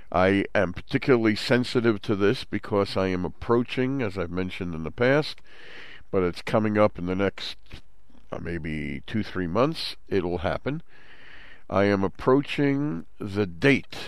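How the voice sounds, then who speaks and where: A man, hosting a Torah commentary talk in a measured, explanatory way and using Hebrew terms. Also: fairly low pitch, smooth, no echo. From Brooklyn, New York. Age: 60s. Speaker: host.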